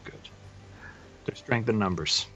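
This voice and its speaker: A man's voice: lowish voice, a little slow, bright, forceful tone, slight background noise. A man speaking in character during a tabletop role-playing game. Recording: muffled, lo-fi.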